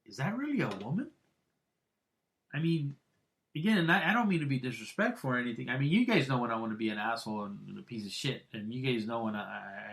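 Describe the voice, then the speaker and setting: A man hosts a casual boxing podcast, rambling and restarting often as he makes crude, blunt remarks. His delivery swings between loud, excited bursts and low mutters.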